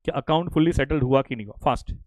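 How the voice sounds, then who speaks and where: A middle-aged man with an Indian accent teaching accounting in a live lecture, repeating questions and pressing students for quick answers. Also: medium pitch, darkish tone, no echo. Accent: Indian English. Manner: drilling repetition, urging quick answers.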